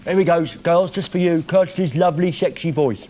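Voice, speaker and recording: A man's voice: on the high side, fairly quick, mellow, a little hiss or hum. A man hosting a live television music show from a studio, reading viewer messages in a jokey, teasing, playful way.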